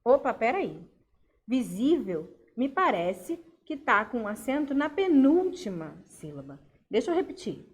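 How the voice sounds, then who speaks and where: High-voiced Brazilian teacher, patient. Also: female voice, very animated, measured pace, breathy edge. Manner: patient, explaining step by step with frequent check-ins. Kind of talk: online class lesson.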